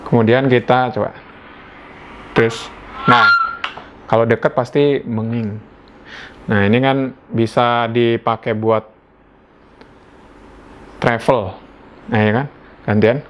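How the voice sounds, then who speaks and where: The Indonesian reviewer speaks slowly and steadily at a medium pitch, pausing often as he tries out a gadget at home. His informal review feels like thinking aloud, and the sound is dull and lo-fi.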